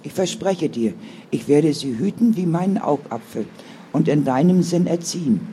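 A man's voice: on the high side, lively intonation, moderate pace, dark tone, slight background noise, natural voice. A man voicing a firm, caring older sister who speaks in an earnest, sometimes stern way. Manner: stern then soothing, earnest.

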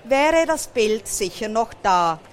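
A woman's voice: a little high, sing-song, slow pace, a little hiss or hum. A woman voicing a brave, kind young male guinea pig in a storybook read aloud. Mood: determined. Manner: upbeat, determined.

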